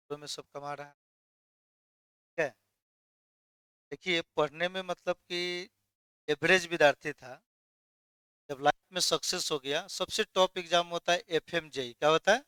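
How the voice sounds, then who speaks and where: A man's voice: fairly high pitch, sharp tone, clean tone, no echo. A man teaching chemistry in a classroom lecture, firing questions at students and then answering them himself.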